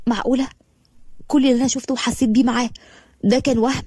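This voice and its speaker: A woman's voice: fairly high pitch, little pitch movement, rapid-fire, a little mellow, slightly rough, no echo. A woman with an Egyptian accent voicing a heartbroken young maid, tearful and despairing. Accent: Egyptian Arabic. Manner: tearful, despairing, self-scolding.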